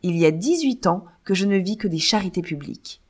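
A woman's voice: medium pitch, expressive, a little fast, natural voice. A woman voicing an impoverished older man who insists he is the listener's father, in a read-aloud novel. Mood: reproachful.

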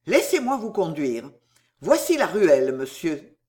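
A woman reading aloud, voicing a brisk, shrewd young manservant who gives urgent, sharp warnings. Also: lowish voice, sing-song.

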